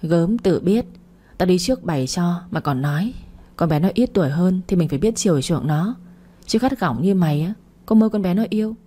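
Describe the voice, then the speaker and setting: A woman's voice: lowish voice, lively intonation, moderate pace, dark tone. A woman doing a brash, teasing male friend. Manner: mocking, laughing.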